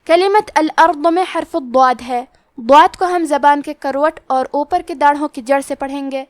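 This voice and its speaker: A woman teaching Quran recitation rules, explaining plainly and then reciting the verses slowly and drawn out. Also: sits high, steady tone, no echo. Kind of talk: tajweed lesson with slow recitation.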